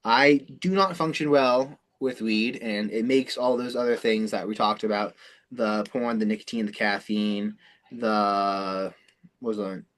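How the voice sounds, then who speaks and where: A man with a lowish, slightly bright voice speaks unhurriedly and with fairly even intonation. He's hosting a self-improvement call, explaining things off the cuff in a rambling, informal way and swearing often. It's casual, unscripted explanation.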